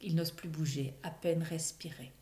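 A woman narrating a children's story aloud, expressive, dropping to a near whisper in quiet passages. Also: low voice, moderate pace, reverberant.

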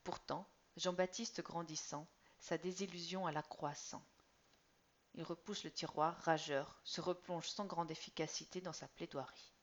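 A woman reading a story aloud in a measured, expressive voice that sometimes drops almost to a whisper. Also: fairly low pitch. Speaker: narrator. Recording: slightly dull lo-fi recording.

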